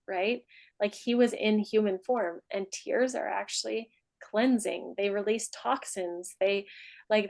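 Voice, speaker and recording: A woman's voice: medium pitch, gravelly, rough recording. A woman leading a group coaching session, chatting freely with frequent laughs. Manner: chatty, laughs often, trails into soft slow meditation voice. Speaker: mastermind group leader. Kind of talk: coaching talk and guided meditation.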